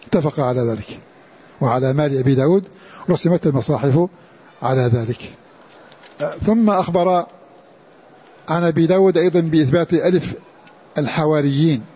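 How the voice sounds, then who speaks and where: A man giving a recorded religious lesson, measured and repetitive, slowly repeating key words as he explains. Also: fairly high pitch, warm tone, husky. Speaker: teacher of Quran orthography. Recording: dull lo-fi recording.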